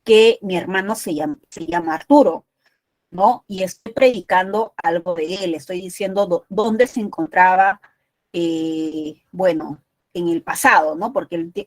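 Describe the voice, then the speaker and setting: A woman's voice: mid-range voice, dry recording. A woman teaching a university entrance exam prep class, explaining patiently and often checking in with short tag questions.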